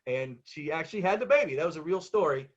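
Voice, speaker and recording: A man's voice: on the high side, expressive, quick pace, muffled recording. A man doing a stand-up monologue of punchy jokes, told as conversational stories with acted-out exchanges in an exasperated, self-mocking way. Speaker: touring road comic.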